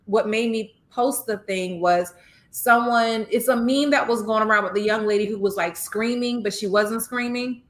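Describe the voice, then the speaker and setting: A woman hosting a podcast, asking her guest questions and telling her own anecdotes in an engaged, expressive way. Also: on the high side, moderate pace, reverberant. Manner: engaged, expressive, affirming with frequent mm-hmms. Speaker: podcast host. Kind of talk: casual interview conversation.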